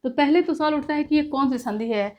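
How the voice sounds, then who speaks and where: A woman teaching a lesson, explaining step by step, asking herself questions and pausing often to check in. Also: sits high, darkish tone. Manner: says "ठीक है" after points. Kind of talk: classroom lecture.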